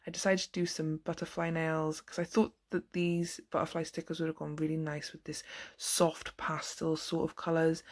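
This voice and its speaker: A woman chatting casually through a nail tutorial, giggling often and filling pauses with ums and likes. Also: low-pitched. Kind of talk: casual tutorial chat to viewers. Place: home.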